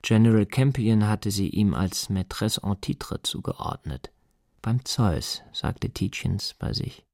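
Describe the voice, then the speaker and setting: A man narrates a literary radio drama in a measured, even manner. His voice sits low and the sound is dry and close. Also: gravelly, no room sound.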